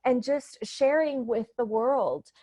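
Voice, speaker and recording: A woman's voice: fairly high pitch, takes it slowly, warm tone, slightly rough. A woman from Puerto Rico, a coach and speaker, telling her story in an earnest, reflective way during a stage interview. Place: convention expo venue.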